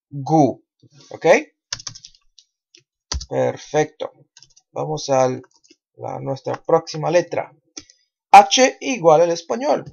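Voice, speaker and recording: A man whose first language is Portuguese, teaching pronunciation in an online lesson, slowly repeating syllables for the listener to echo. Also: a little high, gravelly, a little mellow, highs cut off.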